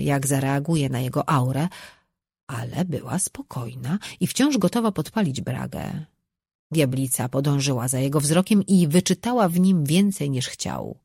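An audiobook narrator giving measured, expressive scripted fantasy narration, in a dry recording. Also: medium pitch, creaky, husky, dry recording.

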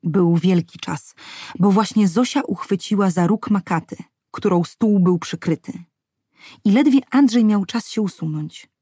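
A woman narrating a literary novel as an audiobook in a measured, even way. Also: medium pitch, slightly rough, dry recording, studio quality.

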